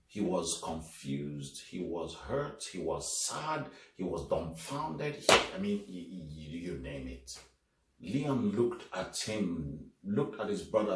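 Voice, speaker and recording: Deep male voice, slow dramatic storytelling, echoey room, distant mic. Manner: dramatic pauses, sudden loud bursts.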